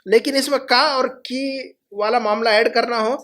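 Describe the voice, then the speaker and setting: A middle-aged man with a high voice leads a classroom lesson. He speaks patiently and repeats each phrase slowly so his students can follow along. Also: fairly even intonation, pushed and bright. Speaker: Arabic teacher.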